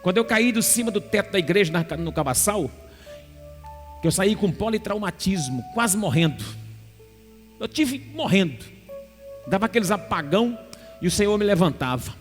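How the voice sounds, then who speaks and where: A male pastor with a high voice preaches in a large church. He tells his story with animation and acts out the lines of the people in it. His voice carries a long reverb, and soft music plays underneath. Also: normal speed, pauses often. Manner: animated storytelling, acting out dialogue. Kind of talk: sermon with personal testimony.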